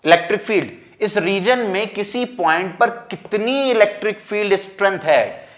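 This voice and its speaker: A man's voice: sits high, fairly bright tone. Chatty man teaching physics. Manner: informal, keeps checking if students understand; dictates definitions slowly word by word. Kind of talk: classroom lecture, mixing Hindi and English.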